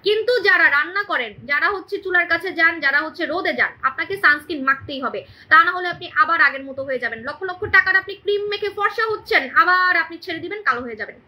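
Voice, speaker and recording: High, bright, fast-talking woman seller. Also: lively intonation. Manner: emphatic and repetitive, keeps asking "right?". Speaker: online shop host selling beauty products. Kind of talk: live-stream sales pitch. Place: indoors in a room at home. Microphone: phone camera on a live stream.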